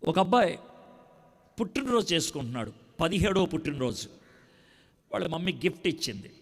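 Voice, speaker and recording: Middle-aged man, preacher, sermon, shouts then drops to a plea, highish voice, reverberant hall. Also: very animated, fairly quick. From India. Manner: impassioned, swings from loud outbursts to hushed pleading.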